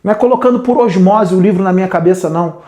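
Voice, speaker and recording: A man's voice: high-pitched, racing, warm tone, reverberant. A man with a Brazilian Portuguese accent giving a blunt, scolding spiritual lecture as a medium.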